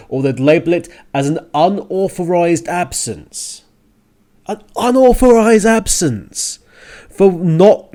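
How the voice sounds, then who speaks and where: A radio host gives a casual, opinionated rant about the news, halting and restarting phrases while stressing points in exasperation. His voice is a little high with a dark tone.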